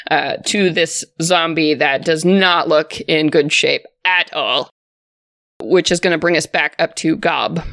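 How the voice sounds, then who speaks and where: A woman acts as game master, narrating a tabletop role-playing game off the cuff. Her voice sits on the low side for a woman, and the recording is dry, with little room sound. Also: a little slow, fairly bright tone, no echo.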